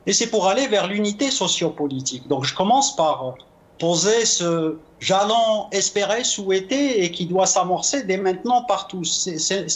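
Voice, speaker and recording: A man speaking as a guest consultant in a political interview, formal and measured with hesitant starts. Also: sits high, expressive.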